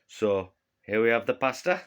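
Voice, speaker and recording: Hosting a mock cooking video at home, a Yorkshire-accented man keeps the jokes self-deprecating and chuckles after his lines. He sounds animated, at medium pitch and a moderate pace, with a clear, resonant, slightly bright tone.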